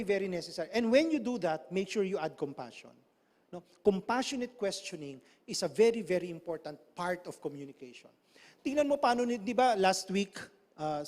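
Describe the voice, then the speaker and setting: High-voiced Filipino man preaching. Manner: animated, switching between English and Tagalog, asks the audience many questions. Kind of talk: sermon. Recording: long hall reverb.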